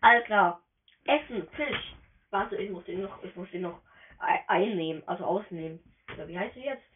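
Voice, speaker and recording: A woman giving casual, excitable let's-play commentary as she plays, chatty and slangy, often tripping over her words. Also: medium pitch, normal speed, slight background noise. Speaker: gamer narrating her play. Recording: tinny phone-quality voice message.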